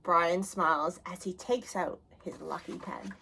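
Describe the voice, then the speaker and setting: A woman reading a children's picture book aloud, expressive, going soft and hushed at the sad moments. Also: fairly low pitch, a little slow, vocal fry, a little hiss or hum. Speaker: reader.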